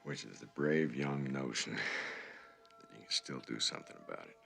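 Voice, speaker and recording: An actor playing a middle-aged border patrol agent, dry and laconic. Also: male voice, rumbling low, moderate pace, creaky, sharp tone, faint music behind, exaggerated voice. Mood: weary. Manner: dry, laconic, world-weary. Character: weary veteran male border patrol agent.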